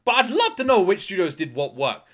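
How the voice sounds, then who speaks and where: A man giving casual, excited reaction commentary, gushing and exclamatory and swearing freely. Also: sits high, a little fast. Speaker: reaction video host.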